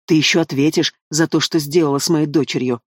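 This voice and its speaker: A vengeful stepmother hissing threats, as a male narrator puts her on. Her voice sits lower than his own narrating voice and the sound is dry and close. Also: steady tone, brisk, dry recording, lightly acted. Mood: menacing. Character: hissing vengeful stepmother, middle-aged woman.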